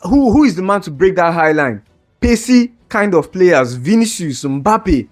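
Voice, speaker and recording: Faint music sits behind a young man whose high voice is very animated though a little slow. A football fan vlogger, he rants about a match in a reaction video, heated and exasperated, stumbling over restarts and straining his voice.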